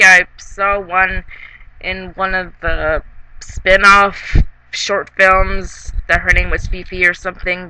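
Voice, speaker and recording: A comedic reviewer of ambiguous sex sounds tipsy while recapping a film casually. The voice is very bright and sharp, at a middling pitch. Delivery is slow and halting, rambling along and trailing off between thoughts. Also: clean tone, rough recording.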